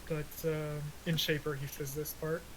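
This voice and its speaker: A man's voice: on the high side, little pitch movement, unhurried, noisy background. A man playing a tabletop role-playing game, chatting loosely and describing his character's actions. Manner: loose, rambling speech with fillers. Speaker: player. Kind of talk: casual tabletop game chat.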